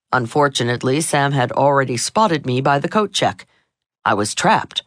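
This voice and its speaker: A woman narrating a self-help audiobook in a steady, measured reading voice. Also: sits low, no echo, clean studio sound. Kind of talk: scripted narration.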